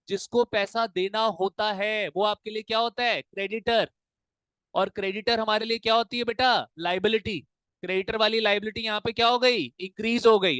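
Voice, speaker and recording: A man's voice: sits high, a bit bright, clean tone, no room sound. A male accounts teacher, mixing Hindi and English while he drills a class with repeated questions. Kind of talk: classroom lesson.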